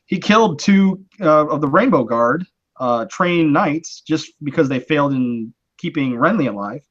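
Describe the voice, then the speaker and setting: A man's voice: on the high side, animated, unhurried, fairly bright tone, lo-fi sound. A man hosting a casual live-stream chat, explaining his views in a rambling, conversational way with many restarts. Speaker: host.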